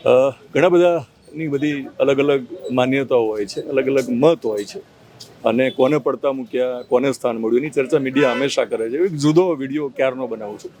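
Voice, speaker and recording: A man interviewing a politician, asking slow, thoughtful questions with hesitations and addressing viewers directly. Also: medium pitch, a little mellow. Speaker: interviewer and news reporter. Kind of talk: conversational interview with asides to viewers.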